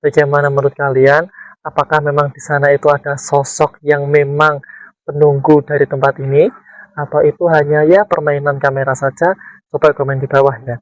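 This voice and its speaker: A man's voice: on the high side, little pitch movement, brisk, no room sound, low-quality recording. A man hosting a casual vlog, explaining things and checking for agreement. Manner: explanatory, seeking agreement with tag questions. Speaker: paranormal vlog host. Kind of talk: casual vlog talk to viewers.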